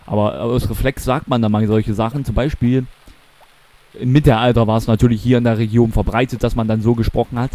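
A man's voice: mid-range voice, fairly even intonation, fairly quick, mellow. A young man from eastern Germany with a Mansfeld regional accent, chatting in a rambling, self-correcting way while commentating a game. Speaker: let's play commentator. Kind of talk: casual gaming commentary.

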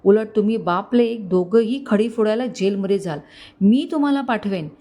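A woman's voice: mid-range voice, moderate pace, warm tone, close to an everyday voice. A woman voicing a brave young woman who stands up to her uncle in a storybook tale, indignant and defiant. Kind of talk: storybook narration.

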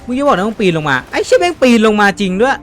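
A man's voice: very high-pitched, very animated, racing, fairly bright tone. A man giving casual, profane commentary while playing a game, yelping and laughing as he goes. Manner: swears a lot, yelps and laughs at the game. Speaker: gameplay streamer. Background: game music.

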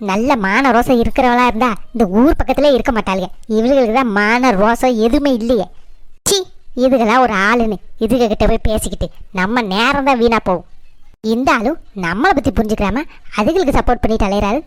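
A woman as a bitter cartoon wife, fairly high voice, scolding, dry close sound. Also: a little fast, no echo, lightly acted. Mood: scornful. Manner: scornful, scolding. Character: sharp-tongued, resentful middle-aged wife.

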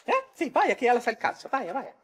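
A man's voice: very high-pitched, sing-song, fairly quick, breathy edge, full character voice. An actor playing a man disguised as a theatrical, fawning woman chef, in a telenovela comedy.

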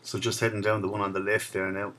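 A video blogger films himself walking along a riverside path in a town, chatting about local sights and reminiscing. His lowish voice is fast, pushed, and bright, yet delivered flatly.

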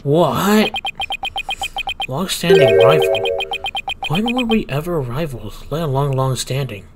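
A man's voice: medium pitch, very animated, moderate pace, a loud crowd, close to an everyday voice. A man doing a wry defense lawyer. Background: game music.

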